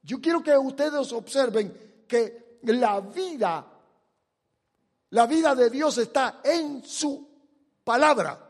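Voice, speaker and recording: A man preaches slowly in a very high voice, moving between soft asides and loud declarations. The sound rings in a long echoing hall. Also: expressive. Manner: dramatic swings from soft to shouted. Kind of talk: sermon.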